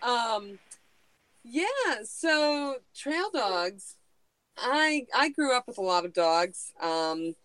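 A woman talking at home as a podcast guest about her long hike, speaking in a thoughtful, soft-spoken way. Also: a little high, lively intonation, extremely slow, clear, resonant tone, dry recording, low-quality recording. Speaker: podcast guest, thru-hiker. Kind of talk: casual chat.

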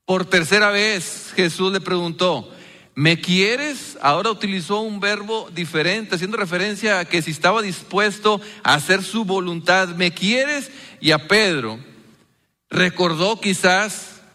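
A male preacher delivers a sermon in a bright, ringing voice pitched somewhat high. He speaks earnestly and keeps turning rhetorical questions to his listeners. The sound carries the long reverb of a large hall. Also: normal speed. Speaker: pastor.

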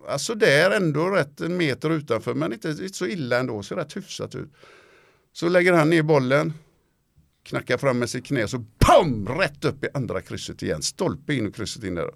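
A middle-aged man, an interview guest, telling a funny anecdote in a casual, lively way, often ending his sentences with little tag questions. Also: on the high side, vocal fry, no echo, studio quality. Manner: lively storyteller, tags sentences with "va?" and "liksom".

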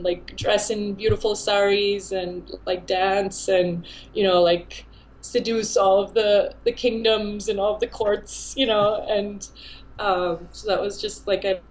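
A woman's voice: medium pitch, rough recording. A woman in her thirties, born in India and raised back and forth with America, talks about her life as a dancer and teacher. She rambles casually, full of fillers and restarts, with a mid-range voice. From born in India, raised between India and America. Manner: chatty, many fillers and restarts. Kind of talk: casual interview answers.

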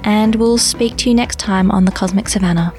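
A woman's voice: mid-range voice, brisk, a little mellow. A woman podcast host with a mid-range voice and a light, easy manner. She chats casually and then reads the credits steadily. Faint music plays behind her. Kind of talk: casual chat and scripted outro.

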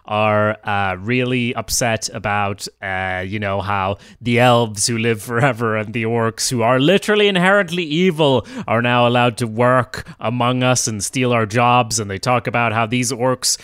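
This man, a native Swedish speaker, talks through story ideas in a relaxed, casual brainstorming chat, musing and hesitant with lots of fillers. His medium-pitched voice is clear and resonant, at normal speed with few pauses, recorded dry at studio quality.

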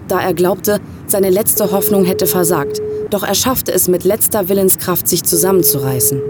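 A woman with a fairly low voice narrates a horror short story with tense, atmospheric delivery. Clear street and traffic noise runs behind her throughout. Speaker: story reader.

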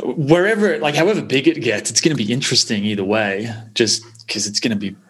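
An Australian podcast host who talks quickly and with friendly enthusiasm. His voice sits at a middle pitch, and he moves briskly from one remark to the next. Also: breathy edge. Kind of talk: casual podcast interview.

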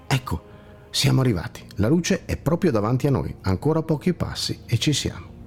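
A man voicing a gentle, kindly blind monk with a slightly ironic touch, who guides a companion with calm reassurance in a storybook tale. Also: medium pitch, brisk, slight background noise.

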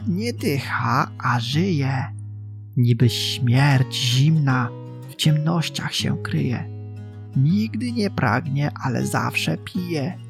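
A man doing a creepy, hungry male cave creature who drags out every word in a low hush. The voice has a gravelly grain that keeps it sinister and strange, like a thing lurking in the dark of a storybook. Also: exaggerated voice. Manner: slow, hushed, drawn-out reading.

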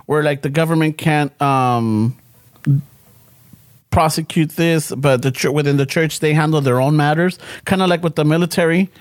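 A man in a casual podcast chat, talking in a halting, rambling way with some swearing. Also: a little high, dry recording, studio quality.

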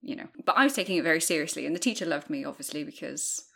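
A woman, co-hosting and chatting casually, animated and full of fillers. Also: low voice, racing, vocal fry. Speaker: podcast co-host. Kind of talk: casual chat recapping a TV episode.

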